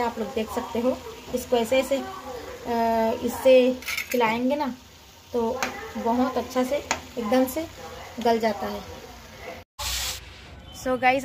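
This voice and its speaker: Young woman chatting thru her day on a phone cam, highish voice, bit of noise behind. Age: 20s. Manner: chatty, shows things to viewers. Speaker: vlogger. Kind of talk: casual home vlog chat. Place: home kitchen and rooftop.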